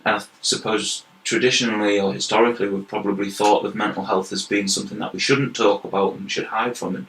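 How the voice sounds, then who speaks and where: Speaking quickly with few pauses, this young Yorkshireman from York has a low, flat, fairly bright voice. He's a health and wellbeing manager, earnestly explaining his work as a guest in a casual interview chat and frequently repeating words, recorded in an echoey room.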